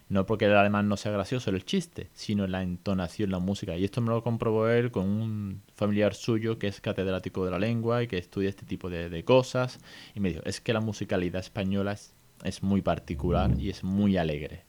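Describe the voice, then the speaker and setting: A middle-aged man with a Spanish accent from Spain, hosting a podcast in a casual, lively monologue, full of restarts and quick checks with his listeners. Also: lowish voice. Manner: lively, chatty, many restarts and "¿vale?" checks. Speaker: podcast host.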